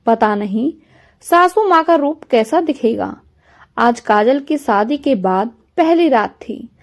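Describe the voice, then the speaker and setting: A woman narrating a family story in a calm, measured scripted reading. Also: fairly high pitch.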